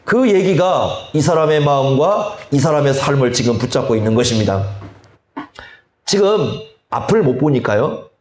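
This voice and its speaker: A male pastor preaching a sermon, slow and deliberate, often asking the congregation rhetorical questions. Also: mid-range voice, animated, a little mellow, slight background noise. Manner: slow, deliberate delivery with drawn-out phrases. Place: church sanctuary. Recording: echoey church hall.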